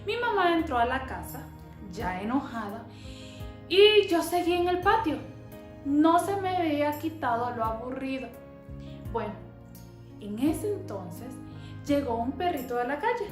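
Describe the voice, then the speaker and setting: Animated woman telling a children's story. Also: sits high, measured pace, pauses often, roomy sound, soft background music. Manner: lively, asks the children questions.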